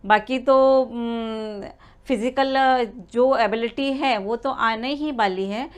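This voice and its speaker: A woman's voice: fairly high pitch, slow pace, smooth. A woman giving a spoken lesson to expecting mothers, explaining step by step with frequent "uh" fillers and small restarts. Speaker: prenatal learning coach.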